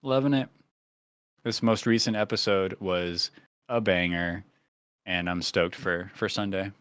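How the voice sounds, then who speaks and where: A man's voice: low voice, fairly even intonation, a little slow, fairly bright tone, clean tone, dry recording. A man co-hosting a podcast, chatting casually in slangy, teasing talk. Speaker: podcast co-host. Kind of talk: casual banter chat.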